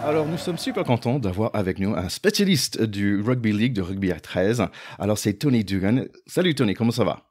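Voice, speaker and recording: A man's voice: lowish voice, expressive, fairly quick, hardly any pauses, darkish tone, slight background noise. A man hosting a casual interview, asking questions with friendly enthusiasm. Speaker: host.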